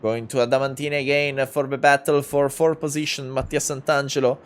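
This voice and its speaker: An Italian man in his twenties commentates a sim race in English with an Italian accent, using a mid-range, clean voice at a fairly quick pace. He sounds hesitant, full of fillers and restarts, and grows louder and more excited when the battles get close.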